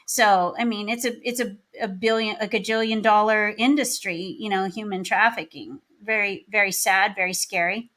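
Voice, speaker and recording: A woman's voice: medium pitch, fairly even intonation, moderate pace, few pauses, a bit bright. Earnest woman podcast host. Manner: earnest, emphatic, searching for words. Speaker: podcast host and party chair. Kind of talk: casual interview chat.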